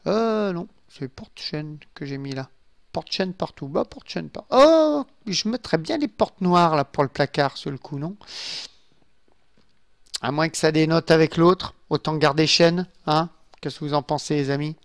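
This gaming YouTuber's gravelly voice sits on the high side, and he talks at a normal speed. Sitting at his home computer in a room with a glass desk, he gives easygoing let's-play commentary, chatting and muttering to viewers as he builds. The sound is dry and clean, like a studio.

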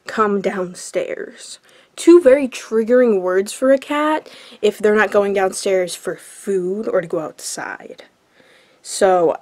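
A young woman hosting a comedic vlog, with a mock-scientific, deadpan delivery and casual swearing. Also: mid-range voice. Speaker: YouTuber.

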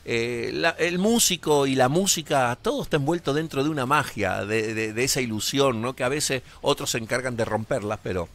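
A man with a mid-range, fairly bright voice co-hosts a live show from a radio studio, talking briskly with few pauses. He chats and rambles casually and gives out the call-in number, speaking into a headset and studio mic.

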